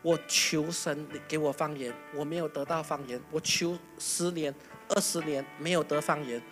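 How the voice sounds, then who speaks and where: A preacher voicing an elderly male church elder who speaks in a soft, lowered, plaintive way. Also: steady tone, moderate pace, soft background music, natural voice. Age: older.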